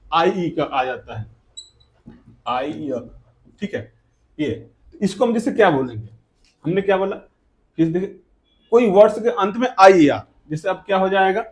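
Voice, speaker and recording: A man teaching an English pronunciation lesson who keeps asking rhetorical questions, answers them himself, and repeats example words slowly. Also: high voice, animated, darkish tone. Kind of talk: classroom grammar lesson.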